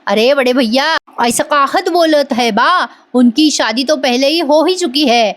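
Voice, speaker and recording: A woman's voice: sits high, a little slow. A woman voicing a playful young man who jokes around with slurred speech. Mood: joking.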